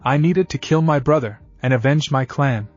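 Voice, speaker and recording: A man's voice: mid-range voice, moderate pace, dull audio, soft background music, close to an everyday voice. A man voicing an arrogant, jealous teenage boy ninja in a fan fiction reading.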